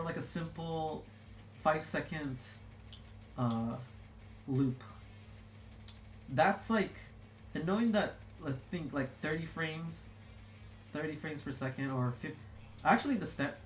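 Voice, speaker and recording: A young adult streamer reads chat while drawing, talking loosely and rambling from thought to thought with constant "like"s and restarts. The voice sits at an ordinary middle pitch. The room gives a noticeable echo, and a faint ambient hum lies underneath.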